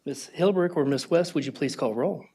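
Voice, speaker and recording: Hoarse man chairing a council meeting. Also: on the high side, dark tone. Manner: informal, halting, with fillers and laughs. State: losing his voice. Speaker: presiding council member (mayor pro tem).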